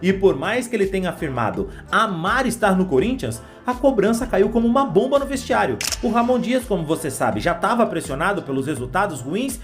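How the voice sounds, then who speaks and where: A woman's voice: mid-range voice, sing-song, fairly quick, few pauses, soft background music. A woman giving scripted football commentary, talking straight to the viewer in a conversational way. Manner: conversational, addresses viewer directly. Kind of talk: scripted sports commentary voice-over.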